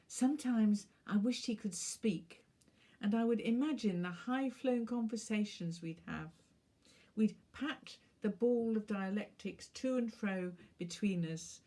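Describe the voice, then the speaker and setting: A woman author reading her own short story aloud in a measured, wry manner. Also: mid-range voice, mellow, slightly rough.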